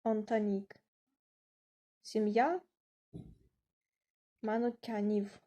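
A woman's voice: mid-range voice, little pitch movement, very slow, dark tone, dull audio. A woman teaching an online language lesson, patiently spelling out words letter by letter.

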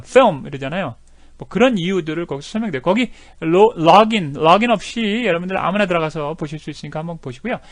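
Animated man teaching English pronunciation. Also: high voice, no echo. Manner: animated, repeats and demonstrates pronunciation. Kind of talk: video lesson.

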